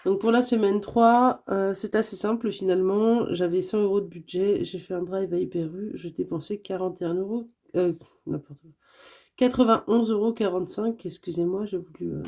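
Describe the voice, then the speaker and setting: A woman with a hoarse voice from a cold talks casually to camera about her budget. Her voice is dark and gravelly, with plenty of creak. She hesitates often and keeps correcting herself. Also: mid-range voice, moderate pace. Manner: hesitant, many fillers and self-corrections. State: sick, voice going hoarse. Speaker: budget vlogger.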